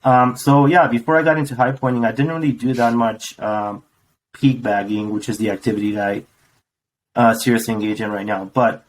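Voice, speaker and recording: Man in his forties from Romania, podcast guest, thoughtful, halting, mid-pitched. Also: steady tone, low-quality recording. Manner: thoughtful, unhurried, many ums. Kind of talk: casual interview.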